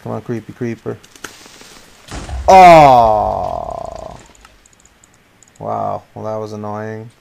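A man giving casual commentary on his gameplay, excitable and prone to swearing and sudden exclamations. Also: on the low side, normal speed, vocal fry, hardly any pauses. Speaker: gaming channel host.

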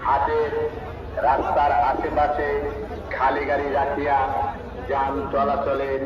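A man making a formal public announcement over a loudspeaker, halting phrase by phrase and repeating himself. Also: mid-range voice, monotone, lo-fi sound, background noise. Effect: public-address loudspeaker. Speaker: announcer for cattle market authority. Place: outdoor cattle market. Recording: echoing distant loudspeaker amid loud crowd. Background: loud crowd and market bustle.

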